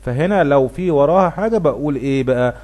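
A middle-aged man with an Egyptian Arabic accent, teaching English pronunciation and drawing out example words slowly. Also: a little high. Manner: lively, stretches words slowly to demonstrate sounds. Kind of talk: explaining pronunciation to viewers.

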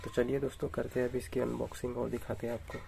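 A man's voice: mid-range voice, fast talker, creaky, a little hiss or hum. A man casually narrating an unboxing and setup tutorial, speaking steadily to viewers while his hands work on a table at home. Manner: steady explanatory, frequent address to viewers. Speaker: unboxing vlogger. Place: indoors at home, camera over tabletop.

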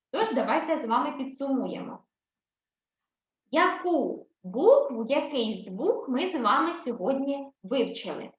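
A high-voiced woman teacher talks young children through a reading lesson, slow and deliberate, repeating each point. Her pitch rises and falls a lot. She sounds a bit muffled in an echoey room. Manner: slow, clear and repetitive, addressing children. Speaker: primary school teacher.

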